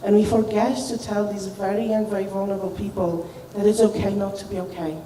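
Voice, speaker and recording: A woman's voice: medium pitch, flat delivery, brisk, mellow. A woman who learned English as a second language, an educator speaking earnestly and emphatically at a group discussion. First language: not English. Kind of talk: spontaneous storytelling at a group discussion. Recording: echoey room, distant mic, noise.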